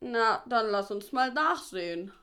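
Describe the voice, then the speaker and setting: A woman's voice: on the high side, expressive, measured pace, pushed and bright. A woman playing a friendly male doctor.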